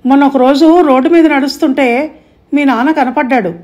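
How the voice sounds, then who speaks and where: A woman's voice: sits high, normal speed, darkish tone, pitched above the performer's own voice, lightly acted. A woman voicing a confused, forgetful old man in his late seventies who talks in a vague, rambling way.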